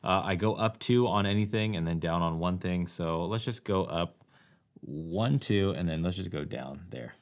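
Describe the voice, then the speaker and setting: A man's voice: low-pitched, moderate pace. A man co-hosting a board game playthrough, casually talking through each move he makes. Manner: relaxed, explains his moves step by step.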